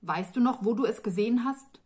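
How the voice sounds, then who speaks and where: A woman's voice: a little high, a little fast, a little mellow, breathy edge. Aaron, a woman reading a young male sorcerer apprentice. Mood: insistent. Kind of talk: audiobook reading of a fantasy novel.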